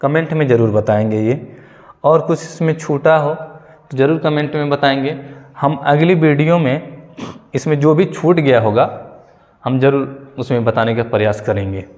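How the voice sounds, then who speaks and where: A man giving an exam-prep grammar lesson, explaining slowly and going over key points more than once. His pitch sits in the middle range for a man, and a long reverb trails his words around the room. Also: darkish tone. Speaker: teacher.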